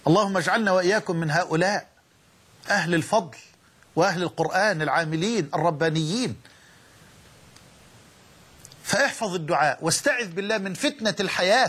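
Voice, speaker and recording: A man's voice: high voice, expressive, fast talker, long pauses, a bit bright, breathy edge. An Egyptian man preaching a sermon, fervent and repeating phrases for emphasis.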